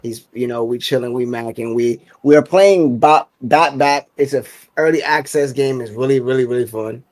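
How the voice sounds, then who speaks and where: A man from New York City, appearing as a guest on a live stream, chats and jokes close to the mic in a laid-back way, loudly greeting the chat. His mid-range voice has a moderate pace and no room sound.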